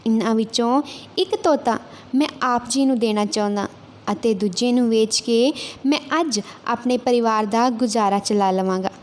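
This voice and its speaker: A woman's voice: on the high side, moderate pace, darkish tone, lightly acted. A woman voicing a poor male bird hunter who speaks earnestly and with emotion. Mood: pleading. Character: poor humble male bird hunter, pleading then angry.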